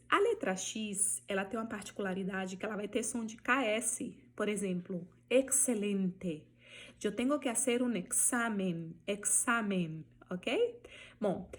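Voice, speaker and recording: A Brazilian woman with a husky, breathy voice teaching an online lesson. Her pitch sits in an ordinary middle range. She explains patiently, drops in quick check-ins and slows right down to model each sound. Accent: Brazilian Portuguese. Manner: patient, checks in often with short tags. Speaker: Spanish teacher.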